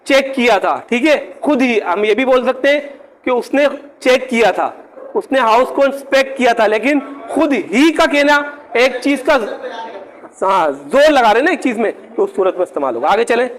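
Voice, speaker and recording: Very high-voiced man teaching a grammar class. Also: poor audio. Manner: keeps checking if the class follows; slows down to spell out example words. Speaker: English teacher.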